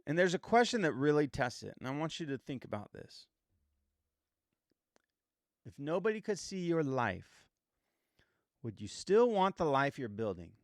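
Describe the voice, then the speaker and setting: A man's voice: on the high side, sing-song, moderate pace, long pauses, dry recording. Earnest man in his fifties, dry sound. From United States. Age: 50s. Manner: earnest, repetitive, emphatic rhetorical questions. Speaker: podcast host. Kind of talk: reflective motivational monologue.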